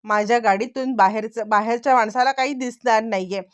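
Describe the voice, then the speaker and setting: A woman's voice: on the high side, steady tone, a little fast, clean tone, natural voice. A woman voicing a young man who speaks in a doting, pleading way to the woman he loves. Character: young man, devoted suitor.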